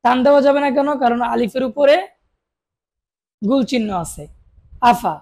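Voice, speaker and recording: A woman's voice: sits high, mellow. A woman teaching Quran reading, spelling out Arabic syllables one by one and asking listeners to repeat after her, with short explanations of the rules. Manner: slow, drawn-out recitation of each syllable, with short explanations of rules.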